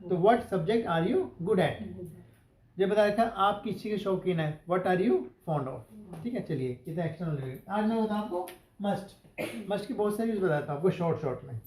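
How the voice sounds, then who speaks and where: A man's voice: high-pitched, moderate pace, a little mellow, roomy sound, rough recording. A male English teacher giving a classroom grammar lesson, asking the class questions and spelling out example sentences word by word.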